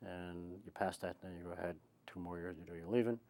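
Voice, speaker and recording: An older Irish man with a fairly low voice, recalling his past in conversation. He talks in a chatty, rambling way, like someone telling stories in an interview. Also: fairly even intonation, quick pace, warm tone. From Ireland. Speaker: oral history interviewee. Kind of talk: conversational reminiscence.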